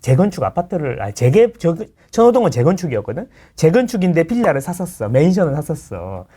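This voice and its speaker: A middle-aged man chats casually as a guest lecturer on property. He talks quickly with a very lively pitch. He keeps acting out the people in his stories. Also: husky. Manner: animated, acts out quoted people in voices. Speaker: real estate lecturer, guest. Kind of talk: casual explanatory chat.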